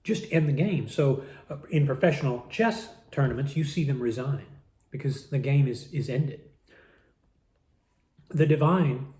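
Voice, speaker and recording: Man, vlogger type, warm low-key voice, musing monologue while eating, echoey room. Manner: musing, talks with mouth full, repeats words. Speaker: vlogger eating a meal on camera.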